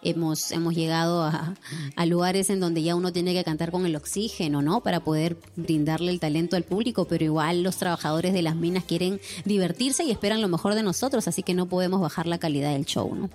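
A woman's voice: on the low side, brisk, darkish tone. A young woman from Lima with a Peruvian accent, a singer chatting as an interview guest, laughing often and ending phrases with tag questions. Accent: Peruvian Spanish, Lima. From Peru, born in Lima. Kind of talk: casual interview chat.

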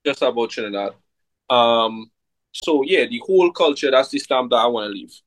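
A man, a soca artist chatting casually in an interview, relaxed and full of fillers. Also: medium pitch, normal speed, dry recording, rough recording. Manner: relaxed, laid-back, many fillers like "like" and "you know what I mean".

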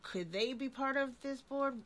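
A woman's voice: high-pitched, unhurried, a bit bright. A woman in her forties hosting a casual interview, talking thoughtfully with many fillers and restarts. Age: 40s. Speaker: host.

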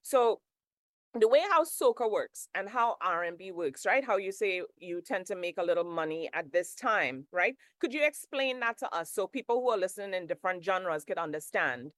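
A woman's voice: on the low side, lively intonation, moderate pace, a bit bright, no echo. A woman interviewing a musician, asking long, rambling questions with hesitations. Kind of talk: casual interview.

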